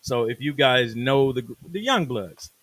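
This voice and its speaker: Animated man telling a studio story. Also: medium pitch, unhurried, no room sound. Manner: animated, acts out quoted voices. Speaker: host. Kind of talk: casual storytelling. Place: radio studio.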